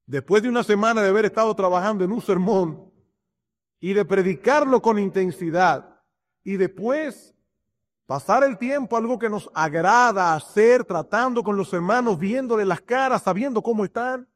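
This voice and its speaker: A male pastor delivering a sermon in a high-pitched voice. He reads verses and stresses his points with changing emphasis, now and then acting out little scenes. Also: lively intonation, normal speed. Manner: preaching with shifting emphasis and acted examples.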